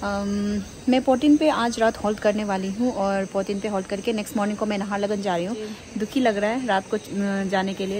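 A woman's voice: mid-range voice, darkish tone, a little hiss or hum. A young woman vlogging in a village, talking chattily to her phone camera, laughing often and mixing in English words. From Arunachal Pradesh, India. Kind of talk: casual vlog narration. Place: village outdoors at night and inside a bamboo house. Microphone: phone camera held at arm's length.

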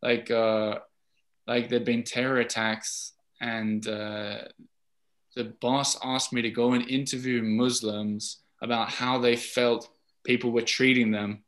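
A man's voice: medium pitch, level tone, slow, a bit bright. Chatty Australian man on a video call. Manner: rambling, chatty, many fillers. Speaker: podcast host, guest speaker. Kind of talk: casual talk and Q&A on a video call. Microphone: video call mic.

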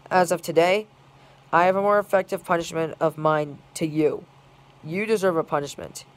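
Angry online scolder, smooth clear tone, repetitive run-on complaints. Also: mid-range voice. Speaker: video maker.

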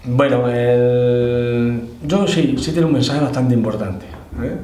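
A middle-aged Holy Week proclamation orator from Andalusia speaks slowly in a warm, mid-range voice with fairly even intonation. He shares his story in a relaxed interview, frequently using tag questions. The setting is an indoor room with display cabinets, and the audio is echoey and slightly distant, with faint noise.

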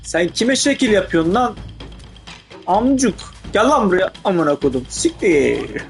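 High-pitched man gaming in crude street slang. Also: a little slow, gravelly, soft background music. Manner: casual street slang, heavy swearing; excitable, blurts urgent outbursts. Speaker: gaming video host. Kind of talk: casual live gameplay commentary.

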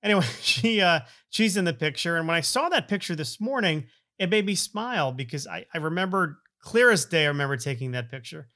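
Here a middle-aged man hosts a podcast intro and interview, speaking informally and with emphasis, repeating phrases for effect. He's on the high side with a sharp tone and lively intonation, going a little fast and barely pausing.

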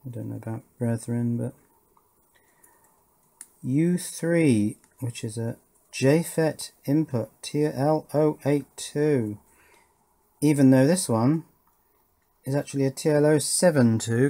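Sitting at a home workbench, a man talks informally through the circuit board he has built, tossing in wry remarks along the way. The electronics hobbyist presenter has a mid-range, darkish-toned voice.

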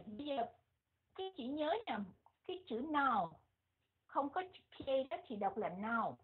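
A woman with a Vietnamese accent teaching English pronunciation, repeating words slowly and switching between English and Vietnamese. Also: high voice, slightly rough. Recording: muffled, phone-like lo-fi audio.

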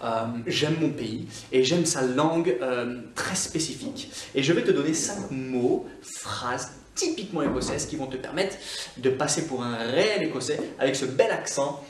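A man's voice: medium pitch, moderate pace, a little hiss or hum. A man from Scotland, an online English teacher, giving a chatty YouTube language lesson full of small hesitations. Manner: lively and chatty, many hesitations. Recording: roomy, distant mic.

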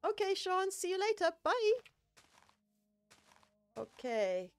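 Woman streamer, slow and chatty, slightly high, dry close sound, soft music behind. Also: very animated, no echo. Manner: chatty, self-mocking, laughs often. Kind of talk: casual gameplay chat.

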